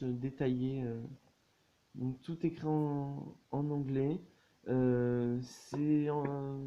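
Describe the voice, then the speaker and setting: A man casually showing his collection in a vlog, halting often with fillers and restarts. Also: mid-range voice, dull audio, slight background noise. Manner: hesitant, many fillers and restarts.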